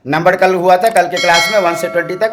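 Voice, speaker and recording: A woman's voice: fairly low pitch, steady tone, noisy background. Patient woman repeating lesson answers. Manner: patient, explains slowly, repeats each answer back. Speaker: parent co-teaching a home French lesson. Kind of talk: home language lesson.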